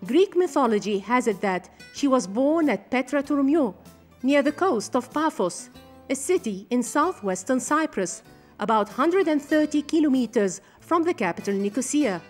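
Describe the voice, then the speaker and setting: A woman giving scripted documentary narration in a steady, formal reading. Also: sits high, moderate pace, faint music behind.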